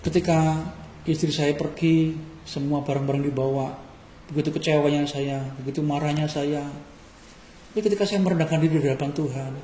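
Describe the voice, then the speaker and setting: A man tells a heartfelt personal testimony at a quick pace, his voice sitting a little high. He earnestly acts out remembered prayers and exchanges. The room is echoey, with faint ambient noise behind him. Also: steady tone, mellow. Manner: earnest, quotes prayers and dialogue aloud. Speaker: interview guest.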